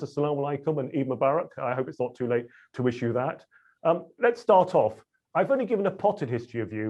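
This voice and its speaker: The webinar host speaks with a mid-range, darkish voice, chatting casually with frequent fillers and some self-deprecating humor. His audio is dull and lo-fi, captured over a video call.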